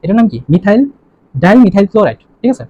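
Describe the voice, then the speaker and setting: A man's voice: high voice, big pitch swings, fast talker, no room sound. A young man teaching a chemistry lesson, quizzing students and repeating his questions. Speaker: chemistry tutor. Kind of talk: online lesson. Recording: dull lo-fi recording with faint ambience.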